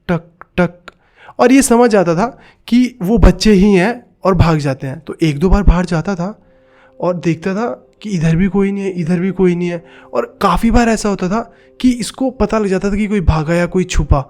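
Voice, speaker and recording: A man tells a horror story in a fairly high voice. He is dramatic and acts out the knocks and cries he describes. Faint music plays behind him. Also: a little mellow.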